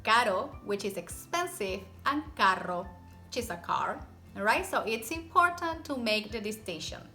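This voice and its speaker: Bright-voiced woman teacher demonstrating rolled r's. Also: a little high, sing-song, faint music behind. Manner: demonstrates rolled and tapped r sounds; encouraging, step-by-step, repeats example words slowly. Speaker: Spanish pronunciation teacher. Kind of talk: instructional language lesson to camera.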